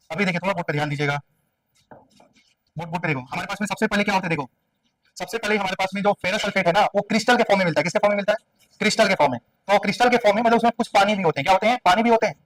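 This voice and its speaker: A man's voice: high voice, racing, recorded from a distance, poor audio. A man teaching a chemistry class, firing questions at his students and repeating answers call-and-response style. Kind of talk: classroom lecture. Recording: dry room sound, voice away from the mic.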